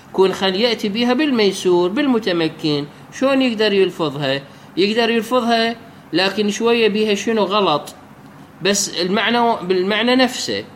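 A man's voice: high-pitched, a little hiss or hum. A man teaching a religious law text in a colloquial lecture, explaining step by step and asking himself rhetorical questions.

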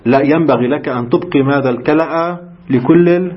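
A quick-paced man gives a religious lesson in a lively, conversational way. He keeps posing questions to his students and answering them at once. The recording sounds dull and muffled. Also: fairly high pitch. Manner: asks rhetorical questions and answers them himself. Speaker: religious teacher. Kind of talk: seminary lecture in colloquial Levantine Arabic.

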